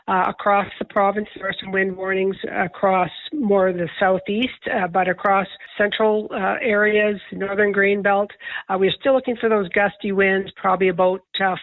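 A man speaking as a meteorologist in an interview clip, casual with frequent "uh" fillers, heard over a phone line. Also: high-pitched.

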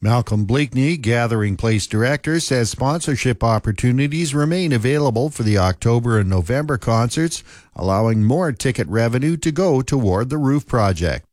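A man reading scripted local news and sports in a steady, measured delivery. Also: medium pitch, no echo, studio quality. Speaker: news anchor.

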